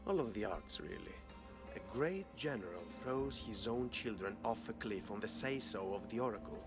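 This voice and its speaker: An actor playing a smug, theatrical, sinister villain in a video game, with a mocking, unhinged drawl. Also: male voice, on the low side, expressive, normal speed, over music. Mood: theatrical, gloating.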